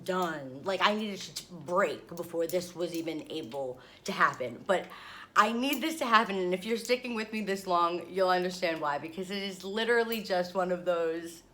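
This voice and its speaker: A young woman from the New York area tells a travel mishap to her camera in a casual vlog. Her voice is bright and slightly low, and she sounds worn out. She turns dramatic and animated, laughing through the hard parts. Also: normal speed. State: tired. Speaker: vlogger. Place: hotel room.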